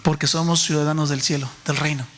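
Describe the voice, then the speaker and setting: Male pastor, forties, high and bright, animated sermon delivery with rhetorical questions. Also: fast talker. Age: 40s. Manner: animated preaching, many rhetorical questions, calls the audience "hermano".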